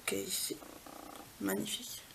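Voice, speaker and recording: A woman vlogger talks viewers through eyeshadow swatches in a casual, gentle way, her voice often sinking to a near whisper. Her tone carries a gravelly, creaky edge. She records in her apartment with a faint hiss of noise behind her. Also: mid-range voice, steady tone, moderate pace. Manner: soft-spoken, often dropping to a near whisper. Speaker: beauty vlogger. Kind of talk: casual product swatch walkthrough. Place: home apartment.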